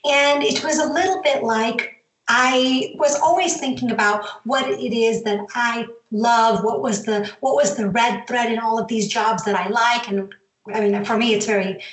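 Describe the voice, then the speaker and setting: This company founder, appearing as a podcast guest, talks in a loose, wandering, easygoing way. She's middle-aged with an American accent, having been born in Zambia and moved to the US at ten. Her pitch is on the high side, her pace moderate, and the room sound is echoey.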